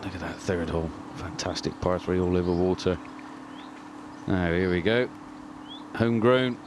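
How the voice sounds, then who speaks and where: A man's voice: sits low, little pitch movement, normal speed, background noise. A man working as a golf commentator, giving casual live commentary in chatty, colloquial phrases full of exclamations.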